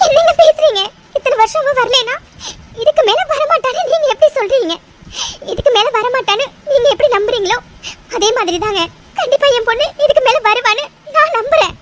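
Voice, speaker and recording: A woman's voice: extremely high pitch, animated, fast, background noise. A woman voicing a grieving, insistent middle-aged mother in a cartoon drama, crying as she speaks. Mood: tearful. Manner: insistent, emotional. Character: grieving mother, hopeful and tearful.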